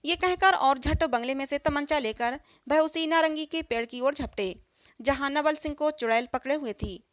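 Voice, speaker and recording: A woman reading a classic story aloud in a steady, measured storybook manner. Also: sits high, no echo.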